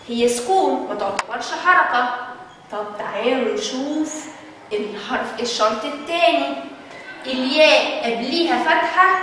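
A woman with an Egyptian Arabic accent teaching young children phonics, sounding out syllables slowly and asking questions she answers herself. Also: high voice, a bit bright, very echoey, long reverb tail, recorded from a distance, a little hiss or hum, poor audio. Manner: asks the class questions and answers them herself. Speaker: early-years teacher.

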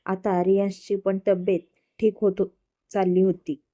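A woman narrating a serialized love story, reading in a steady, plain manner. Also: medium pitch, normal speed.

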